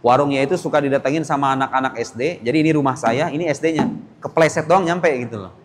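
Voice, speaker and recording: A young man teaching a religious lesson to boarding school students in a mosque, talking directly to them and acting out parents and children in quick little voices. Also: medium pitch, long reverb tail, noisy background.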